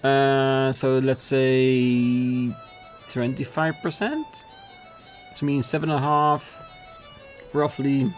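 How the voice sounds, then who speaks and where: A man hosting a let's play, reading the dialogue aloud and thinking through choices out loud, often apologetic and laughing. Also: mid-range voice, steady tone, slow, long pauses, faint music behind.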